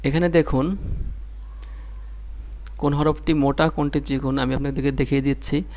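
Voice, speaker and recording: With a Bangladeshi Bengali accent, a man gives a slow Quran reading lesson, spelling out each syllable and patiently repeating it. His voice is medium-pitched and slightly mellow, with fairly even intonation and a normal pace.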